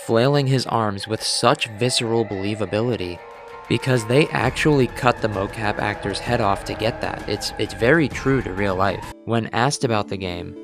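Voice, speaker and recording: A man with a fairly low voice reads a scripted game video essay. He keeps a deadpan, mock-serious tone, treating everything with dramatic gravity. Music plays clearly underneath. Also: moderate pace.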